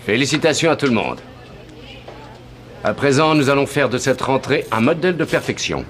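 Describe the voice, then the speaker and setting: A man's voice: mid-range voice, expressive, normal speed, natural voice. An actor playing an earnest male space programme colonel in a French-dubbed action series. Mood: solemn. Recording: clear background noise.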